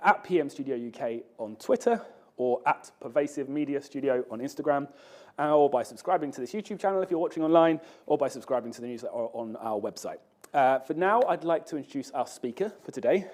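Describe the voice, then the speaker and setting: A man's voice: medium pitch, lively intonation, a little fast, darkish tone. A man hosting a lunchtime talk, reading housekeeping notices and introducing the guest, with frequent ums and uhs. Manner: reads housekeeping notices with fillers. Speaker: studio host introducing speaker. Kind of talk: event introduction.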